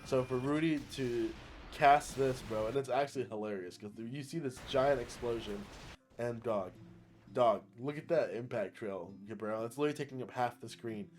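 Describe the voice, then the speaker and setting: A young man giving an excitable, slangy anime recap, often laughing as he talks. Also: mid-range voice, moderate pace, a little hiss or hum. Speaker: anime reviewer. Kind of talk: casual recap commentary.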